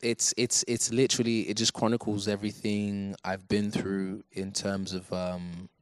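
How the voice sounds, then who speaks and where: A young man in his twenties, speaking in a flat, monotone manner with a fairly low voice. He talks reflectively as a guest, pausing on fillers and restarting his sentences, recorded close and dry with no room sound. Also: smooth, no room sound. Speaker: musician guest. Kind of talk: casual interview talk.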